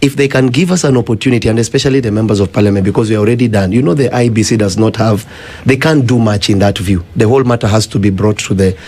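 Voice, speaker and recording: A man's voice: lowish voice, very fast, darkish tone, breathy edge. A man with a Kenyan accent explaining persuasively in conversation, insistent and given to repeating himself. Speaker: guest demonstrating a tech system.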